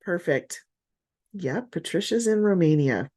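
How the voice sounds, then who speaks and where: Woman business coach in her fifties leading an online workshop, warm mellow tone, encouraging. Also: on the low side, expressive, unhurried. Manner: upbeat, encouraging, frequent praise. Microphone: video call.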